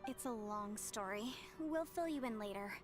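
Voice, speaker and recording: A woman's voice: a little high, expressive, normal speed, music in the background, close to an everyday voice. A woman voicing a polite, upbeat, capable young woman in a video game, speaking articulately. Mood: sincere, apologetic. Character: bright, courteous, capable young woman, friendly and grateful.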